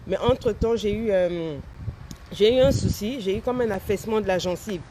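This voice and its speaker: A woman's voice: medium pitch, normal speed, noisy background. A woman in her forties, a life coach chatting casually on a live stream, talking with a slight lisp from a dental aligner and answering viewers' comments. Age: 40s.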